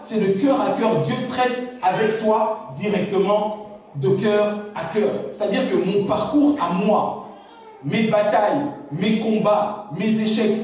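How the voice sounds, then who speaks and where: A pastor whose native language is Lingala preaches to his congregation in a large church hall, repeatedly asking if they follow him. His voice sits high with a darkish tone, recorded by a distant mic in a very echoey hall with faint noise.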